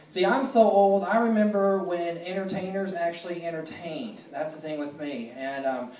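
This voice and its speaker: A man in his thirties doing a stand-up comedy set on a club stage, deadpan and self-deprecating, with lots of ums and restarts. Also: on the high side. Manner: deadpan, self-deprecating, halting with many fillers. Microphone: phone recording from the audience. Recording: echoey room, mic far from stage.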